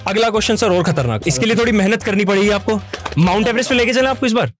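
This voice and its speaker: High voiced guy teacher quizzing his buddy, jokey, explains step by step. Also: expressive, rapid-fire, over music. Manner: jokey quizzer, walks through examples step by step. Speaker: physics teacher. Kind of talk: playful quiz banter.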